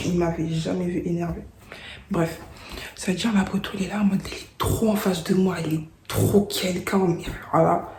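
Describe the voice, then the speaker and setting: Young woman, storytime vlog, slangy, whispered asides, mellow, roomy echo. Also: mid-range voice, a little hiss or hum. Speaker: vlogger.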